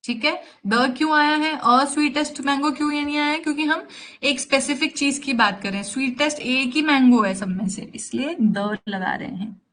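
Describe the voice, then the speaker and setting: A woman's voice: high voice, fairly bright tone, rough recording. A woman with an Indian accent teaching English grammar in a live online class, explaining in a teasing way. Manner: explains in Hindi mixed with English, slow and teasing.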